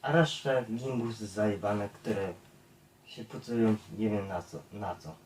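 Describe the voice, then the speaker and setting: A man's voice: fairly low pitch, measured pace, darkish tone, a little hiss or hum. A man streaming a blunt, profane, repetitive rant to his viewers, addressing them over and over. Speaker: YouTube streamer. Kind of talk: ranting monologue to viewers. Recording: echoey room, far from the mic.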